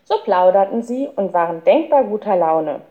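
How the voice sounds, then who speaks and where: A woman reading a children's book aloud as an expressive storyteller. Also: medium pitch, moderate pace, narrow, tinny audio. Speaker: audiobook reader. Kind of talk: scripted narration of a children's book.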